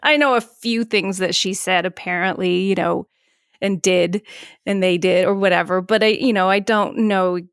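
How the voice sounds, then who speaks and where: A woman musician chatting as a podcast guest, rambling and animated, acting out her own past remarks. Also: medium pitch, normal speed, smooth, dry recording, clean studio sound. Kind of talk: casual interview chat.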